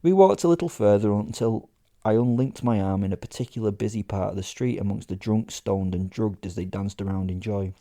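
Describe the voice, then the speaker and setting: Performing in character, this narrator tells a horror comedy from his own point of view, swearing freely in a chatty, sardonic, mock-outraged way. His voice is lowish and mellow, and he moves along fairly quickly.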